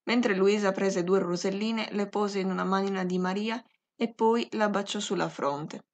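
A woman narrating a classic novel as an audiobook, reading in a slow, measured and expressive way. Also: mid-range voice. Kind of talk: scripted literary audiobook narration.

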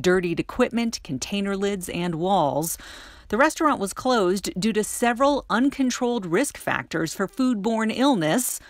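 Middle-aged woman, news voice-over, steady, crisp, dry. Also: mid-range voice, dry recording. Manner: crisp, steady report delivery. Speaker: investigative news reporter. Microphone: studio voice-over mic.

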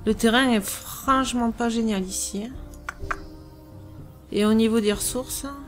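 Faint music plays behind a woman hosting a let's play, her voice a little high and her tone steady. She reasons through strategy gameplay aloud in a hesitant, musing manner full of pauses.

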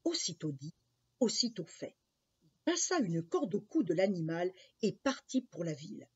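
A woman narrating a children's fairy tale in an expressive, unhurried storybook style. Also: lowish voice, breathy edge. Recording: dull lo-fi recording.

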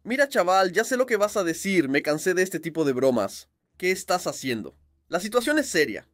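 A man narrating and voicing the lead of a dubbed game cartoon, animated and often exasperated. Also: sits high, normal speed, no echo, studio quality, soft background music.

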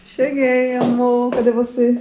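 A chatty woman vlogs to her viewers with a slightly high voice, laughing often as she talks. The sound is echoey, with faint noise in the background. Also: monotone, unhurried. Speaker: vlogger. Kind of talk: casual vlog talk to camera. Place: barbershop, then home. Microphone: phone camera held by others.

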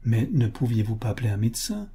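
An eager frontiersman pressing for answers with urgent curiosity, voiced by a male audiobook reader. He has a dark, mellow voice with a husky grain. He speaks plainly, close to the reader's own voice. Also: medium pitch, very animated, fast. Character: Bill Cody, eager young frontiersman.

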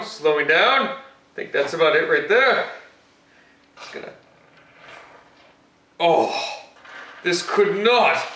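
A man's voice: high-pitched, pushed and bright, slight background noise, heavily acted. A young man playing Batman as a boastful cooking show host, rambling with fillers in a home kitchen, picked up by a far camera. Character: Batman, grown male hero, cocky and boastful. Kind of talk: comic cooking demonstration. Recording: echoey kitchen, mic far off.

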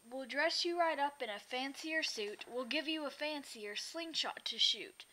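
A smug, jovial military chief from a storybook, read by a woman. The tone is breezy and reassuring, pitched fairly high and bright, and the pace stays slow. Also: poor audio.

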